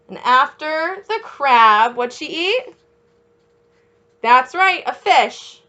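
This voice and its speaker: A woman reads a picture book aloud as a children's teacher, her voice high-pitched, bright, and forceful. She encourages her young listeners with questions and pauses for their answers.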